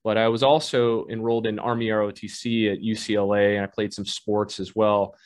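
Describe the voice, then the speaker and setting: A man in his fifties from Southern California, an army colonel speaking as a guest over a video call from his office, measured and formal with occasional fillers. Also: fairly low pitch, level tone.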